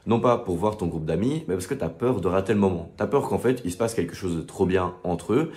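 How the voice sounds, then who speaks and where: A man's voice: low-pitched, lively intonation, fairly quick, darkish tone. A young man, presenting a casual explainer for students and talking straight to the viewer with chatty fillers. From Belgium.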